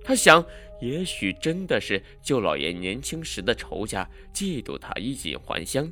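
A man narrating a horror story in a dramatic, suspenseful way, swinging between hushed and loud delivery. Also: medium pitch, very animated, measured pace, faint music behind.

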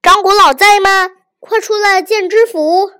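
A woman's voice: high voice, lively intonation, moderate pace. A woman voicing a blustering angry official. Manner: loud, hectoring, huffy. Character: blustering pompous male prefect, angry official.

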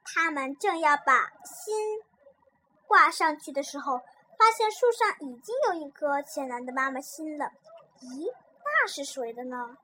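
A woman reading a children's story aloud in a lively, expressive way. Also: sits high, measured pace, slight background noise.

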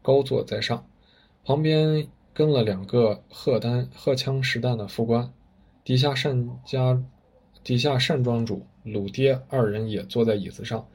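Husky male storyteller. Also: mid-range voice, fairly even intonation, a little slow, darkish tone. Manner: vivid, dramatic narration. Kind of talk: spoken storytelling.

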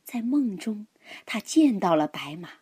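A woman narrating a children's story in a gentle, expressive, dramatic way. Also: mid-range voice, unhurried, husky, no room sound.

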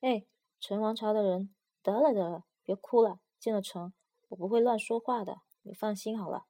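A woman's voice: medium pitch, moderate pace, mellow, close to an everyday voice. A woman voicing a stubborn, hot-tempered boy who has been turned into a little box of pills, speaking in blustering bursts. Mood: soothing.

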